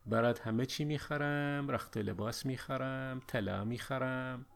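A man voicing a kindly, gruff middle-aged village man in a narrated audio story, speaking slowly and coaxingly. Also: medium pitch, natural voice. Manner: slow, coaxing promises.

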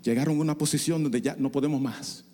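Animated preacher in a reverberant church. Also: male voice, fairly high pitch, quick pace. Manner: animated preaching, swinging from hushed to loud; code-switches with bursts of English. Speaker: pastor. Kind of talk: sermon. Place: church sanctuary.

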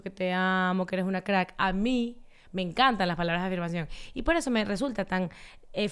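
A woman in her thirties, co-hosting a podcast in casual chat, animated and acting out quotes as she tells stories. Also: mid-range voice, smooth. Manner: animated storyteller, acts out quotes. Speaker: podcast co-host.

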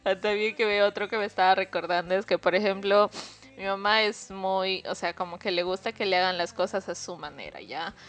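A woman's voice: mid-range voice, brisk, a bit bright. A woman, co-hosting a podcast in chatty, laughing conversation. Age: 20s. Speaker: podcast co-host. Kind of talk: casual chat.

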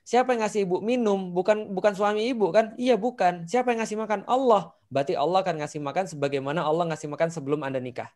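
A man's voice: high voice, fast talker, few pauses, a little mellow, natural voice. A man playing a wise figure in a retold religious story, questioning a worried woman to reassure her. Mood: reassuring.

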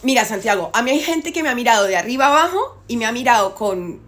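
A woman's voice: a little high, sing-song, quick pace, a bit bright. A woman talking insistently in a casual debate, repeating herself to drive points home.

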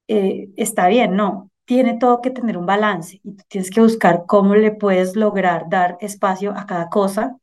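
A middle-aged woman with a Colombian Spanish accent, speaking as an interview guest in an earnest, animated way and often checking in with "¿sí?". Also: medium pitch. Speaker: finance director, guest. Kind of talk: casual conversational interview.

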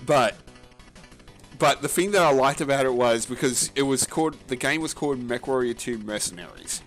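Co-hosting a laid-back gaming podcast, this man rambles and stumbles through fillers and restarts, swearing casually. His medium-pitched voice is expressive and a bit bright, and faint music plays behind him.

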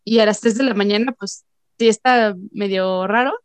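A woman's voice: medium pitch, fairly even intonation, normal speed, smooth, dry recording. Wry Mexican woman, dry studio sound. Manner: wry, joking. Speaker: podcast host. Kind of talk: casual chat.

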